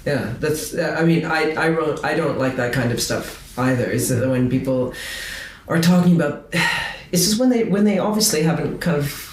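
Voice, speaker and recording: Chatting casually as a podcast guest, this man thinks out loud at a normal speed in a fairly high voice. There's a roomy quality to the recording and a little background noise.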